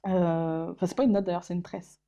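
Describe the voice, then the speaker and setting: A woman's voice: fairly low pitch, flat delivery, a little fast, warm tone, lo-fi sound. A woman vlogging casually about her favorite channels, hesitant, with many fillers and restarts, laughing at herself. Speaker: YouTuber. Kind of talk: casual vlog chat.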